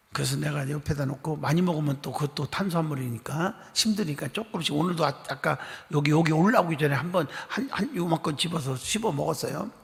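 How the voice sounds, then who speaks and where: Animated gravelly male pastor in a hall. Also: a little high. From Korea, Chungcheong region. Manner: chatty storytelling, acting out dialogue; coaxing the congregation to respond. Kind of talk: lively sermon. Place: church sanctuary. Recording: long church hall reverb.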